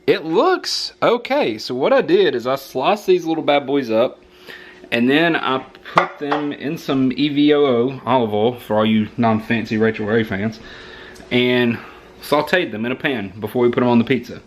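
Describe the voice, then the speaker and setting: A Southern American man gives a rambling, joking food review at home. His voice sits at an everyday pitch. A faint hiss runs under it. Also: normal speed.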